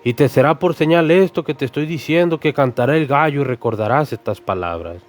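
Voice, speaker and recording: A patient, gentle adult male teacher, as a preacher speaks for him, firm and measured in his warnings. The voice sits at a middling pitch, with faint music underneath. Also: lightly acted. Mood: gently firm. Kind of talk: sermon storytelling with acted voices.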